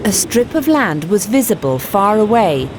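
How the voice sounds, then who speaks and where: A woman reads a storybook chapter aloud, her voice lively and full of rise and fall. Clear background noise sits under the reading. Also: medium pitch, moderate pace. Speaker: narrator.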